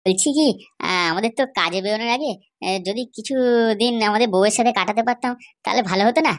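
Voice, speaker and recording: A woman's voice: mid-range voice, racing. A woman voicing characters in a comedy cartoon, with a chatty, persuasive way of talking. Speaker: cartoon voice actor.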